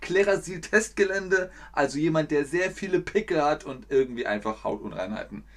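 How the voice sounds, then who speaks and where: Speaking at a moderate pace in a slightly high, expressive voice, this northern German man with a matching accent runs a playful language lesson on a livestream. He acts out insults, erupting in sudden loud bursts.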